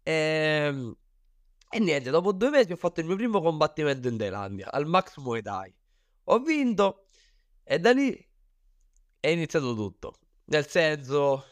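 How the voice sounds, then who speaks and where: A man with a Sicilian accent and a smooth, slightly high voice tells his own story as an interview guest. He talks in a casual, colloquial, self-deprecating way, recorded close and dry. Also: very animated, normal speed, dry recording. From Sicily, Italy. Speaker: interview guest, professional Muay Thai fighter.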